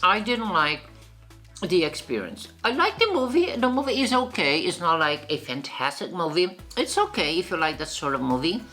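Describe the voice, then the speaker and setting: A woman vlogger giving a casual spoken review in a halting way, often circling back to rephrase. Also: on the low side, very animated, sharp tone, faint music behind. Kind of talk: casual chat, reviewing while eating.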